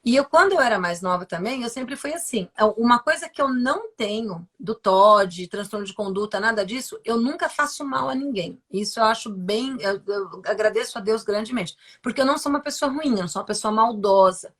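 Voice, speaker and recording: A woman's voice: on the high side, animated, fairly quick, few pauses, a bit bright, slightly rough. A Brazilian woman speaking candidly and emphatically about her own life as a guest on a live stream, with many fillers and repeated words. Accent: Brazilian Portuguese. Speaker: guest neuroscientist. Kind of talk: personal testimony in a live stream.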